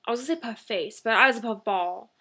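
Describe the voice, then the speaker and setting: Chatty young woman, high voice. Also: quick pace, sharp tone, breathy edge. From Canada. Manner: chatty, filler-heavy, self-deprecating. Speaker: vlogger. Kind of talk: casual vlog chat.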